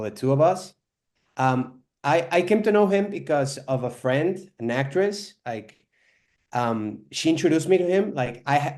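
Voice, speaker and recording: A young Spanish-born filmmaker with a medium-pitched, darkish voice rambles as a guest in an online interview, his speech full of "you know" and "like."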